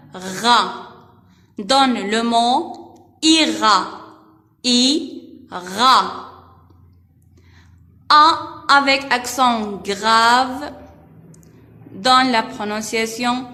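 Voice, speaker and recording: A woman teacher giving a slow, deliberate reading lesson for first graders, repeating each syllable. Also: a little high, bright, forceful tone. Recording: echoey room with long reverb.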